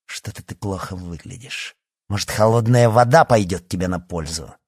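Audiobook, a man voicing a spiteful teenage girl bully, slow cold drawl, low voice, dry sound. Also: darkish tone, husky, no echo. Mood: cold mocking.

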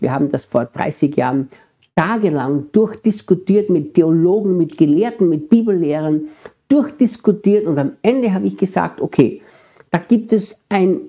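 A man's voice: on the high side, warm tone, breathy edge. A middle-aged man with an Austrian accent preaching a sermon, earnestly addressing his congregation. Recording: dull lo-fi sermon recording.

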